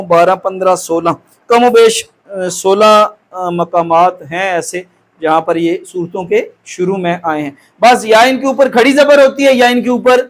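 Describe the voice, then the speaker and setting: A man with a high voice teaches Quran recitation step by step. He patiently checks in with his students and stretches out every syllable slowly as he demonstrates it.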